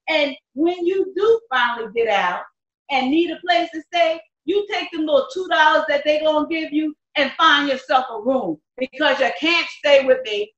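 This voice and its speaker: A woman's voice: high-pitched, a bit bright. A woman playing a bitter grown daughter about to marry, speaking in a scornful, emphatic way. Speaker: church skit actor. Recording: echoey, dull lo-fi sound.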